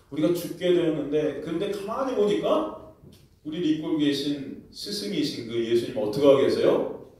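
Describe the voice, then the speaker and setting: Male pastor, a touch high-pitched, animated sermon with voiced quotes and questions to the pews, distant mic in a very reverberant sanctuary. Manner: animated storytelling, acting out quotes, asking the congregation questions. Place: church sanctuary. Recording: very echoey church hall, mic at a distance.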